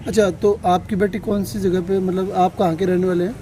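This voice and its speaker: A male street reporter with a high voice puts brisk, probing questions to a family outdoors. Heavy traffic rumbles in the background. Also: level tone. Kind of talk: street news interview. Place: outdoors by a road.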